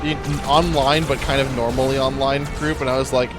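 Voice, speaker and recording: A man's voice: mid-range voice, level tone, brisk, over music. A man chatting casually while playing a game, laughing a lot and breaking into goofy freestyle bits. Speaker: co-host and gamer. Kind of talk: casual gaming chat.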